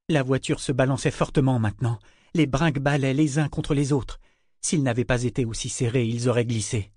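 A man narrating a fantasy novel aloud in an even, measured reading. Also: mid-range voice, dry recording, clean studio sound. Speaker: audiobook narrator.

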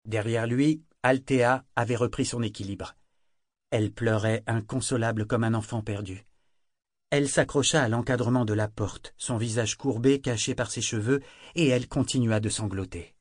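A man narrates a novel in a measured, dramatic storytelling manner. His voice sits at a middle pitch. The recording is dry and close, with no room sound. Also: fairly even intonation, dry recording. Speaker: audiobook narrator. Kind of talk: scripted narration.

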